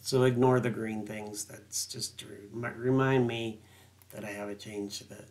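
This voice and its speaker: Steady in tone, fairly low, a little slow and a little mellow, a middle-aged building design consultant reads and explains building code during a screen share. He rambles through the code text with plenty of ums, filler words, and restarts.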